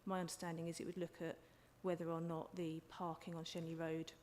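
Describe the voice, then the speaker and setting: Low, even-voiced woman in an echoey hall. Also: fairly quick. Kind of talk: formal explanation at a public hearing. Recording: echoey hall with clear background noise.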